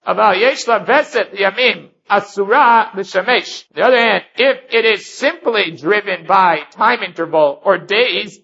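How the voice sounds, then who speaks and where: A man's voice: high voice, gravelly, pushed and bright, dull audio. A man teaching a Talmud lesson, reading each Aramaic phrase and then explaining it step by step. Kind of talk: Talmud study lecture.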